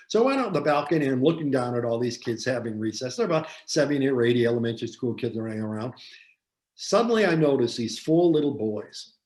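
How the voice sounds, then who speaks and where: A man giving a seminar talk, telling a story in an animated way and repeating phrases for emphasis. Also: medium pitch. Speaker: seminar presenter on parenting. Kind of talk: storytelling lecture. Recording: roomy echo.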